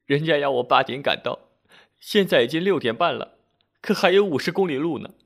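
A man voicing a desperate laid-off woman, begging in a raised, tearful voice. She is a figure in a spoken storybook, pushed well above the teller's own pitch. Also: lively intonation, brisk, gravelly, sharp tone, full character voice. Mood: pleading.

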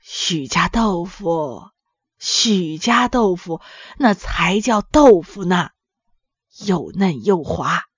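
A woman voicing a fussy elderly village mother who grumbles slowly, in a storybook tale. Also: mid-range voice, expressive, fairly bright tone, husky, no echo, highs cut off. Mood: grumbling.

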